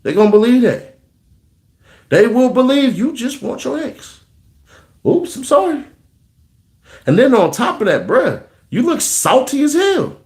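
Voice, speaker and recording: A man's voice: very high voice, sing-song, measured pace, long pauses, darkish tone. A man ranting about relationships in slangy, joking casual talk, repeating phrases for emphasis. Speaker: vlogger giving relationship advice. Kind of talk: casual comedic rant.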